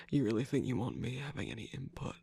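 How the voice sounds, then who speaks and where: Sly male cookie jester played by a performer, ASMR roleplay, husky breathy whisper, gravelly fry, lively swooping pitch, teasing and dismissive. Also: heavily acted. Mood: defensive. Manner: dismissive, teasing, evasive, with sighs and laughs. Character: sarcastic mischievous male cookie jester, scheming.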